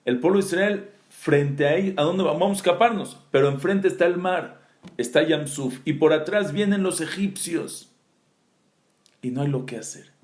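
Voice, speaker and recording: A rabbi teaches a Torah lesson in a high voice. He tells the story with animation, reciting Hebrew verses and then explaining them, and his voice rings out in a room with noticeable echo. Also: normal speed, darkish tone.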